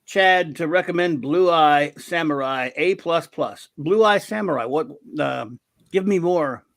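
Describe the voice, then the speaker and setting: This show host, a man with a fairly high, creaky and slightly bright voice, speaks at a measured pace in a casual livestream chat over a video call. The recording is dry with clean studio sound, and he rambles hesitantly, repeatedly poking fun at his own memory.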